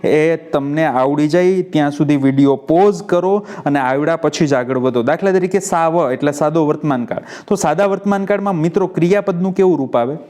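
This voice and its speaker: A man's voice: fairly high pitch, fairly quick, hardly any pauses, a little mellow. A man with a Gujarati accent teaching English grammar in a video lesson, drilling students with repeated questions and answers. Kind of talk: classroom-style video lesson.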